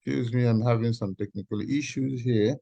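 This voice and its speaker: A man teaching an online class as a professor, explaining step by step in a halting, deliberate way and often checking in with "okay". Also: mid-range voice, steady tone, creaky, mellow, no room sound, lo-fi sound. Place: video call with screen sharing.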